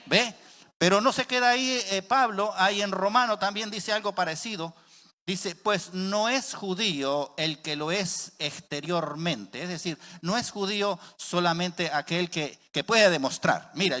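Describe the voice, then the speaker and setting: A man delivers a sermon in a high, bright, ringing voice. He drives each point home with emphasis and keeps asking his listeners questions. His voice rings out with a long reverb, as in a large hall. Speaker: preacher.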